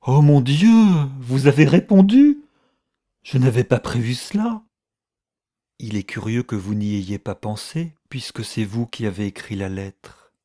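A man voicing a bitter, jealous middle-aged woman in an audiobook reading, with a sharp, mocking manner that flares into outbursts. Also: fairly low pitch, steady tone, moderate pace, few pauses, natural voice. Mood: stunned.

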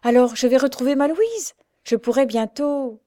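A woman's voice: high-pitched, lively intonation, warm tone, dry recording, clean studio sound, voice pushed up. Woman reading an anguished young woman. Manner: anguished, drawn-out pleading. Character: desperate grieving young woman searching for her sister.

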